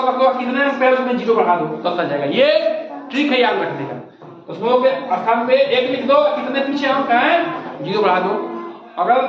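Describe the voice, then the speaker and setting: A male primary school teacher explains step by step and keeps asking his class questions. His voice sits very high for a man. The sound is dull and muffled, and a strong echo fills the classroom. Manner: patient, repetitive, asks rhetorical questions. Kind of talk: classroom lesson. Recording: echoey muffled classroom recording.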